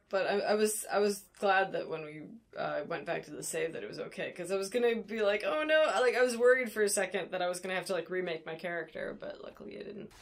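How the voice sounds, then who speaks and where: A woman's voice: lowish voice, fast, few pauses. A young adult woman chatting casually and conversationally about playing a VR game. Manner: conversational, laughs easily. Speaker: streamer's co-player. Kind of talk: casual chat about VR gaming. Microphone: binaural recorder, standing in VR headset.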